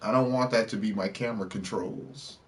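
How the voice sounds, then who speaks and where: A man's voice: fairly low pitch, fairly quick, a little hiss or hum. A man casually commenting on a game he is playing, chatty and wisecracking as he reacts to the screen. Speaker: streamer. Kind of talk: casual let's play commentary.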